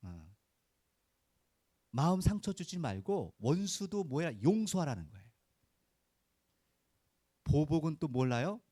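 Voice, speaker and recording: Slow, very animated, and pausing often, a man with a slightly high, mellow, husky voice preaches a conversational Sunday sermon in clean studio sound with no echo. As pastor, he's folksy and informal, peppering the congregation with short rhetorical questions and inviting their answers.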